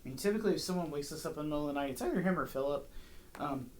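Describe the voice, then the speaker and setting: A woman's voice: sits low, lively intonation, very fast, a little mellow, slight background noise. A woman dog trainer talking casually through a training session, explaining each step as she goes. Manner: chatty, explains her steps aloud while training.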